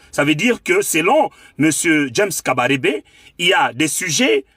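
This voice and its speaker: A man from the Democratic Republic of the Congo, speaking with a Congolese accent, gives an impassioned political monologue as a commentator, emphatic and rhetorical and repeating phrases for effect. His voice sits fairly high, a bit bright with a breathy edge. The recording is studio quality with no echo.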